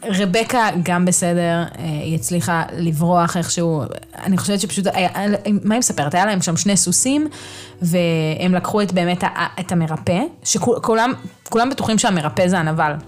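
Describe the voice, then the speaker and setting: A woman hosting a podcast, retelling a novel's plot in a chatty, animated way with many hesitations. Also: lowish voice. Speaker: podcast host. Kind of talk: casual book recap.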